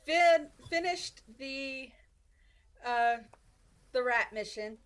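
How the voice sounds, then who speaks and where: Slow, halting woman running a tabletop game. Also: high voice, clear, resonant tone. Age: 20s. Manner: relaxed and halting, many ums and restarts. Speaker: dungeon master. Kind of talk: casual recap of a tabletop game session.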